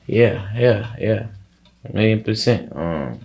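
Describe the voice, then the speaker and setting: A young rapper from Chicago, USA, with a Chicago accent, talks casually in an interview, rambling with plenty of slang and swearing. His voice is fairly low, gravelly and a little mellow, slow, with lively intonation.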